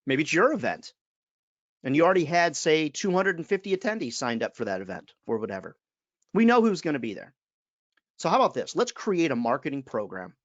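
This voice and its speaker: A man's voice: fairly high pitch, big pitch swings, a little fast, no echo, lo-fi sound. A man, giving an emphatic webinar talk as a sales trainer and calling his listeners friends. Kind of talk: webinar presentation.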